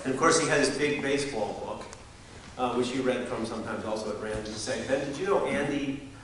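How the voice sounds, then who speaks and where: A man giving a wry, halting memorial speech full of anecdotes, often pausing to clear his throat. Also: medium pitch, fairly bright tone. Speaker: eulogy speaker, science reporter. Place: community hall memorial gathering. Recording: echoey hall, distant mic, hiss.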